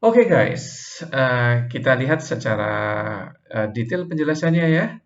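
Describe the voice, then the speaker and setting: A man with an Indonesian accent giving a recorded university lecture, explaining at a relaxed pace and often tagging his sentences with short checks. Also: mid-range voice. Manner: relaxed, drawn-out explanations with frequent "oke" and "ya" tags. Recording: roomy, dull lo-fi sound.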